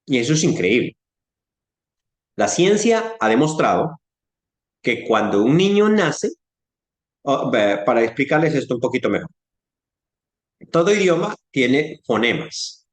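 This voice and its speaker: Man, latin american spanish accent, church class lecture, animated pitch, asks questions, demonstrates sounds. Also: a little slow, pauses often, echoey room. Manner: conversational, asks the audience questions, acts out sounds. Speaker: preacher teaching a class. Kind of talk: informal Bible-class lecture.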